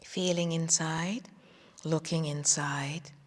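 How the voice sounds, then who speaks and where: A woman leading a guided meditation and qigong session, speaking slowly and soothingly and drifting into soft whispers. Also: low-pitched, steady tone. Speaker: qigong instructor. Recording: long hall reverb.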